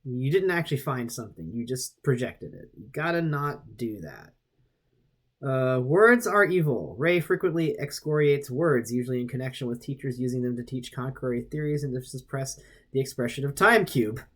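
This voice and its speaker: A young man casually reading a web page aloud and reacting, rambling with restarts and sudden jumps in pitch. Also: lively intonation, moderate pace.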